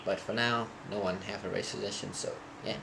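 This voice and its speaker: A young Thai live streamer who codes on air rambles to his viewers in a fairly low, gravelly voice with fairly even intonation, halting and restarting as he gropes for words. Background noise is noticeable.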